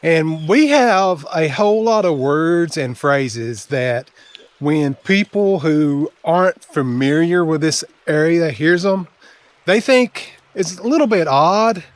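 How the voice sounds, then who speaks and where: A man's voice: a little high, lively intonation, slow, no room sound. A man with an eastern Kentucky Appalachian accent, talking casually and conversationally to his viewers as a folksy channel host. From eastern Kentucky, Appalachian Mountains. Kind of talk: casual explainer talking to camera.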